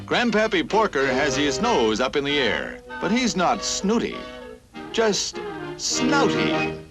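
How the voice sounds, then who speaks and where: Man, old newsreel narrator, brisk punchy announcer, fairly high voice, loud music underneath. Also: wildly swooping pitch. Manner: brisk, punchy announcer delivery with playful asides. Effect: old newsreel recording.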